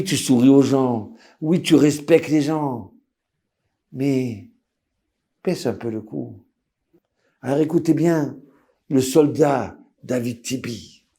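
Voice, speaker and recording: A man, a rabbi, giving an animated storytelling sermon and acting out the voices of the people in it. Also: medium pitch. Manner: lively swings between loud and hushed.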